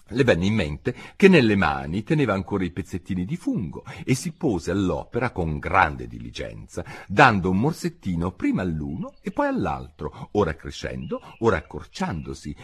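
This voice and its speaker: Male narrator, husky voice, very animated pitch, theatrical storybook reading. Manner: expressive, playful storytelling. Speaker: audiobook narrator.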